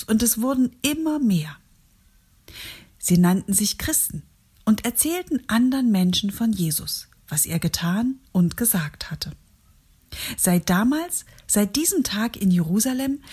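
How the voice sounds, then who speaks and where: A woman narrates a Bible story for children, addressing them warmly and gently. Her voice is soft and breathy, at an ordinary pitch for a woman. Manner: gentle, warm reading to children.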